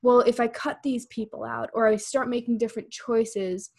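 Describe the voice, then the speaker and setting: A woman's voice: a little high, fairly even intonation, moderate pace, creaky, darkish tone. A woman in her twenties hosting a podcast, chatting casually and filling her talk with "like". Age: 20s. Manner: chatty, many fillers like "like". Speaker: podcast host.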